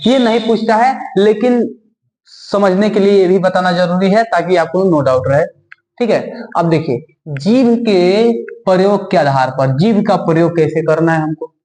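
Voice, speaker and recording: A man with a high voice teaches a Hindi grammar lesson, repeating key terms and putting quick questions to the class. He draws vowel sounds out slowly and deliberately. His voice rings in an echoey classroom. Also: a little mellow.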